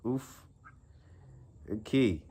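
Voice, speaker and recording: Halting male esports stream commentator. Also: fairly low pitch, expressive, mellow, slightly rough. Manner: halting, with many fillers and repeated words. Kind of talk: live stream game commentary. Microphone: phone.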